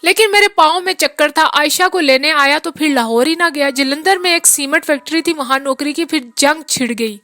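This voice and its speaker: Woman narrator doing a tired working man, rueful and rambling, high bright reading voice, dry close sound. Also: fairly quick, few pauses, no room sound, soft background music. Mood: weary, rueful. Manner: long rambling confessional talk. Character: weary peasant-born man, bitter yet brotherly.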